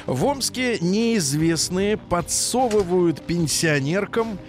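A man's voice: high-pitched, expressive, slow. A man hosting a casual morning radio show, reading news with ironic commentary and repeating words for emphasis. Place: radio studio.

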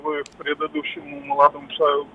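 A man's voice: on the high side, sing-song, fast talker, slightly rough. Man on a poor, breaking-up phone line. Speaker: radio show caller. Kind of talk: casual call-in chat. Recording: muffled lo-fi windy phone line.

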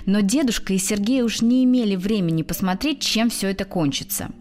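A woman actress reading a classic story aloud in an even, expressive storytelling manner. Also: mid-range voice, brisk, soft background music. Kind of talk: audiobook narration.

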